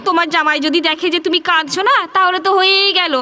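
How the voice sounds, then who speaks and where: A woman plays a brisk married daughter who scolds her mother in an audio drama. Her voice is very high, bright and sharp. She speaks with a Bengali accent and an impatient manner. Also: fairly even intonation. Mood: scolding.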